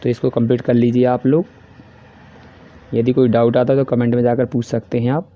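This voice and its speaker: A man with a Hindi accent teaching a class worksheet, explaining each answer step by step and reading the English questions slowly. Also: mid-range voice, flat delivery. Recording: dry, dull lo-fi voice-over.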